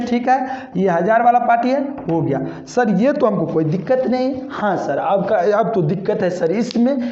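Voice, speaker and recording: A male math teacher giving a step-by-step classroom lesson, counting digits aloud slowly and repeating himself, calling his students "sir" and "babu". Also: sits high, darkish tone. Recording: echoey room, dull lo-fi sound.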